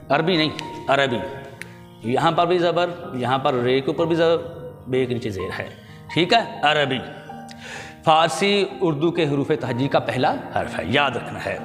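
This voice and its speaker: This man's voice sits a little high and sounds a bit bright, with a long reverb tail. He is a language teacher running a pronunciation lesson, patiently fixing words and spelling out vowel marks while affectionately addressing his viewers as "children."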